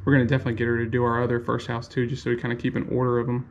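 A man's voice: medium pitch, monotone, racing, lo-fi sound, a little hiss or hum. Chatty man in his thirties vlogging. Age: 30s. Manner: easygoing, chatty, talks straight to camera. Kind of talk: casual vlog narration. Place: apartment living room and kitchen, then restaurant and brewery. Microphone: handheld camera at arm's length.

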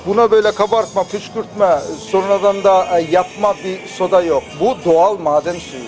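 Male company spokesman, high-pitched, hesitant piecemeal delivery, faint music behind. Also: steady tone, moderate pace, low-quality recording. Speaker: sponsor company representative. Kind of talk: promotional on-camera interview.

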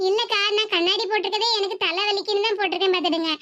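A woman's voice: very high voice, fairly even intonation, rapid-fire, muffled recording. A woman voicing a bashful young bride-to-be in a cartoon, with a Tirunelveli Tamil accent. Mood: shy. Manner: soft, bashful.

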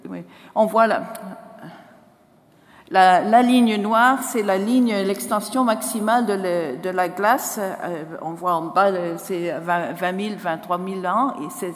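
Irish woman speaking foreign-accented French, echoey hall. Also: mid-range voice. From Ireland. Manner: halting, self-correcting. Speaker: botanist giving a conference talk. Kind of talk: conference presentation. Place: large lecture hall, indoors. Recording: echoey auditorium with long reverb.

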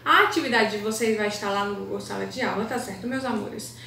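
A woman's voice: mid-range voice, fast talker, gravelly, sharp tone, slight background noise. A woman teaching a recorded class for young children, with a Brazilian Portuguese accent. She speaks in a sing-song way, drawing out words syllable by syllable and asking the class questions as she goes. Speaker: primary school teacher.

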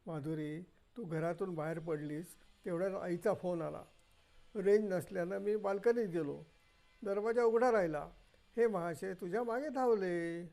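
A man's voice: high-pitched, moderate pace, vocal fry, a little mellow. A man voicing a flustered young father explaining hurriedly.

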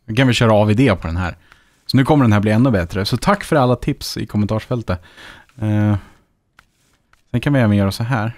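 A man's voice: lowish voice, a little mellow, no room sound. A man with a Swedish accent giving casual let's-play commentary, chatting and muttering to himself as he plays. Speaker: gaming YouTuber.

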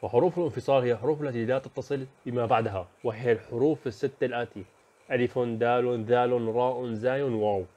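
A man talks quickly through an overview of a school lesson. He lists one topic after another in a brisk voice of middle pitch, stopping now and then for fillers and small self-corrections. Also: fairly even intonation, mellow, muffled recording. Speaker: teacher.

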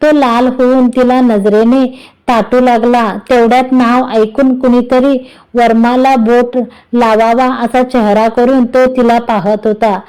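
A woman narrating a romantic story in a steady reading voice. Her tone is mellow and warm, smooth and clear, set a little high. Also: unhurried, poor audio.

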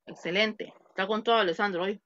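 A woman's voice: mid-range voice, steady tone, fairly quick, fairly bright tone, no room sound, muffled recording. A woman teaching an online English class in Spanish, patiently repeating words and examples for her students. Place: home. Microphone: computer mic on a video call.

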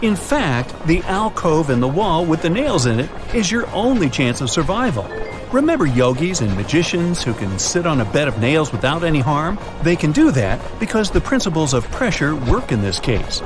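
A man tells a trap-filled adventure straight to the listener in a bouncy, expressive voice that swings widely in pitch. His delivery is pitched a little high and styled as scripted storytelling, with soft music running behind. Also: normal speed. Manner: lively, dramatic, second-person storytelling with quiz questions. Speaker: narrator. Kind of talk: scripted narration of riddle story. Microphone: studio voice-over.

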